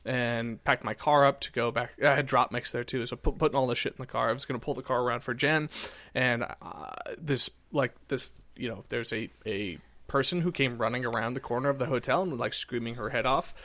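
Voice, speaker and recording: A podcast host in his thirties from Iowa tells a rambling story with lots of fillers and acted-out quotes. His voice sits at an ordinary mid pitch. The sound is dry and close, with no room around it. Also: normal speed, fairly bright tone, no room sound. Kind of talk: casual chat, telling a story.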